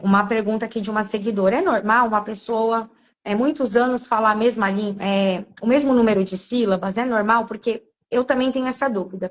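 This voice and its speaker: A Brazilian woman hosts a live video interview, her voice slightly high. She circles around her questions with frequent fillers and restarts. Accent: Brazilian Portuguese. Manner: hesitant, many fillers while asking questions. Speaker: live show host. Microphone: video call.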